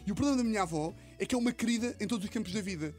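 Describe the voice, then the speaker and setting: A young man with a European Portuguese accent, hosting a radio comedy slot and telling an animated comic story. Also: sits high, soft background music. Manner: rapid, animated storytelling with lots of acted quotes. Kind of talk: comic monologue. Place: radio studio.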